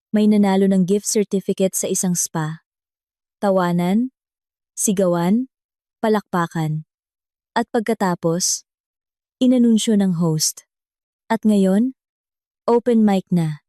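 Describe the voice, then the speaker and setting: A woman narrating a drama story in a slow, even storytelling manner. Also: medium pitch, dry recording, studio quality. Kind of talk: scripted narration.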